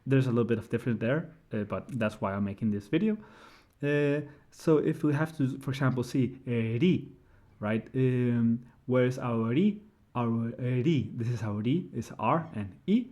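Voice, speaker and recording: A man's voice: mid-range voice, normal speed, dark tone. A man giving a casual screen-share tutorial, explaining step by step and often checking in with "right?". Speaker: language tutor.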